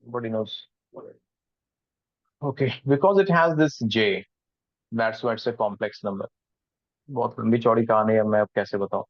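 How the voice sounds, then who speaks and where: A man's voice: lowish voice, racing, pauses often, no room sound, lo-fi sound. A man teaching a live online programming class, switching between English and Hindi and asking the students questions. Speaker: programming instructor.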